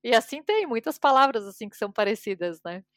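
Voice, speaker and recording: A woman's voice: on the high side, fast talker, no echo, studio quality. A woman hosting a podcast in casual chat, telling anecdotes and acting out the dialogue in them. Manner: animated anecdotes, acts out dialogue. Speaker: podcast host.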